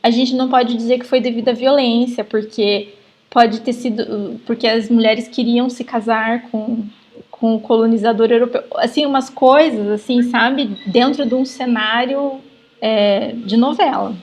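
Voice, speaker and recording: A woman's voice: a little high, steady tone, unhurried, darkish tone. A woman with a Brazilian accent teaching in a live online class, explaining at length with frequent fillers. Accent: Brazilian Portuguese. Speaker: genetics lecturer. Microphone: video call.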